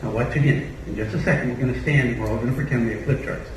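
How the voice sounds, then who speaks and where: A man's voice: mid-range voice, rapid-fire. An Australian man, a body language trainer, leading a live seminar demonstration and drilling the audience with countdowns. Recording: echoey hall, mic far off, noisy.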